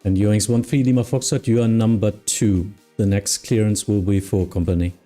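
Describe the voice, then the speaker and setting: A man streaming as an air traffic controller, mixing procedural clearances with casual chat. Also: lowish voice, fairly even intonation, a little fast, mellow, faint music behind.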